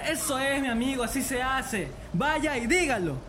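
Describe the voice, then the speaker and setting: An actor voicing a brash, streetwise buddy in a comic radio sketch, coaxing and egging his friend on. His voice sits very high and swings freely, with faint noise behind him. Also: animated, moderate pace, pushed and bright, full character voice. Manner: coaxing, pep-talk energy. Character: pushy streetwise buddy, adult man, brash and confident.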